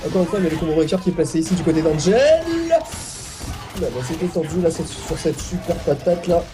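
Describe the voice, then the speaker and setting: Excitable man commentating a fighting game. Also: on the high side, over music. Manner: excitable, drawn-out exclamations. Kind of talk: live game commentary on a stream.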